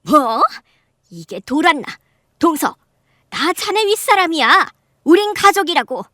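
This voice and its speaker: A shrill, sneering middle-aged aunt. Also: female voice, expressive, moderate pace, no echo, studio quality. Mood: indignant. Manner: sneering, loud and incredulous, high-pitched outbursts. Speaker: voice actor. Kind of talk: Korean radio drama acting.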